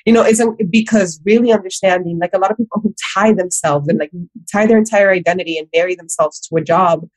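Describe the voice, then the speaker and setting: A woman's voice: on the low side, fast, darkish tone, no echo, rough recording. A woman career coach from Honduras, talking earnestly and reflectively in a casual interview, often restarting her sentences.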